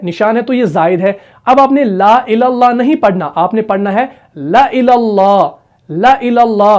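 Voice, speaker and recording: Man teaching Quran recitation, slow repeats. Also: high-pitched, a little mellow. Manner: asks the class rhetorical questions and answers them; recites example words slowly and drawn out. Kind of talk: explanatory classroom lesson.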